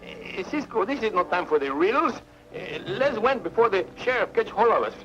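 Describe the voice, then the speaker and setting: Excitable sidekick guy in broken english, high voice, music under old tv sound. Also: moderate pace, dull audio. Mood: urgent. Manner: broken English, jumbled grammar. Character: excitable comic male sidekick, bandit-hunter.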